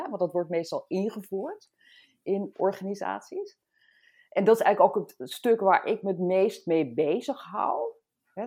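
A woman with a mellow, slightly husky voice thinks out loud in a relaxed discussion. She speaks from her own office and often pauses to hunt for the right word. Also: mid-range voice. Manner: reflective, searching for words. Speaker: discussion guest. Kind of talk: casual discussion.

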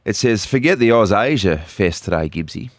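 A man's voice: fairly low pitch, expressive, normal speed, no echo. An Australian man hosting a weekend radio show, joking and teasing his co-host in casual banter. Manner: jokey, teasing, upbeat.

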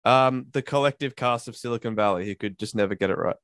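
A man's voice: mid-range voice, fast, a bit bright, no echo, clean studio sound. A man co-hosting a casual podcast, blunt and swearing casually. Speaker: podcast co-host.

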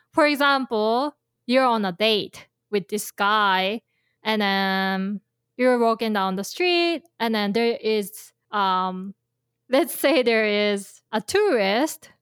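A woman's voice: medium pitch, slow, fairly bright tone, smooth, no room sound, studio quality. A woman teaching Japanese in a casual chat, explaining with imagined scenarios and plenty of fillers. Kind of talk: casual language lesson chat.

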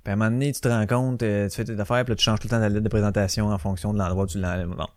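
A man's voice: fairly low pitch, flat delivery, racing, a little mellow, no room sound, studio quality. A man with a Québécois French accent hosting a casual solo podcast, telling stories in a profane, ranting way. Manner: swearing, ranting storyteller who acts out quotes. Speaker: podcast host.

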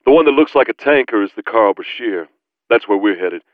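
A man voicing a patient, knowledgeable male companion who calmly explains things. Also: lowish voice, brisk, no echo, narrow, tinny audio, pitched above the performer's own voice, natural voice. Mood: explaining.

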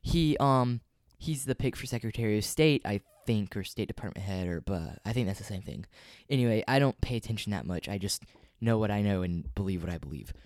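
A man's voice: on the low side, a little fast, darkish tone, dry recording. Flippant man, dry podcast sound. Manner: flippant, opinionated, rambling. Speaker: podcast host. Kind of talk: casual solo political news commentary.

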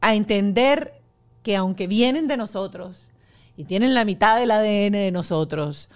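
A woman's voice: mid-range voice, animated, moderate pace, darkish tone. Reflective woman interviewer. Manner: affirming, asks long reflective questions. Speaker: podcast host. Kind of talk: warm interview chat. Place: home pantry.

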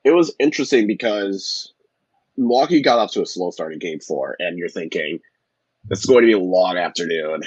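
Male podcast co-host, deep voice, casual sports talk, dry and slightly muffled recording. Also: lively intonation, a little fast, slightly rough, no echo.

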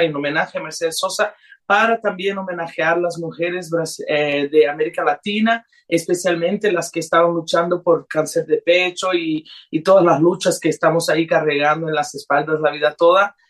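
A woman. She tells her story earnestly as a radio guest, pausing and restarting as she gathers her thoughts. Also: on the low side. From Brazil and Honduras. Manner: earnest, restarts and hesitant fillers. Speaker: singer, interview guest. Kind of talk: personal storytelling in a radio interview.

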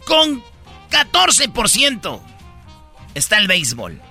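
A man hosting a comic radio show, loud and playful like an announcer. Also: sits high, huge pitch swings, slow, gravelly, soft background music.

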